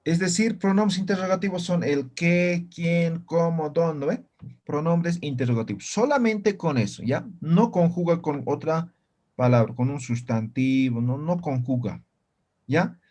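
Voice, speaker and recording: Slow, patient man teaching a class. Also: a little high, darkish tone. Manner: slow, patient, keeps checking students understand. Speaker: language teacher. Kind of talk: online class lecture.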